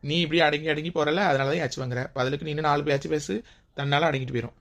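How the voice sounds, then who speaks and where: Woman, low voice, rapid gossipy chatter, village skit. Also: steady tone.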